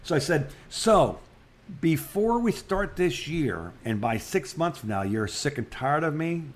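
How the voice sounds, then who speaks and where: In a sing-song voice pitched on the high side, a retired radio broadcaster in his sixties talks a little slowly as a podcast co-host. His casual anecdotes ramble, looping back with repeated phrases and fresh starts.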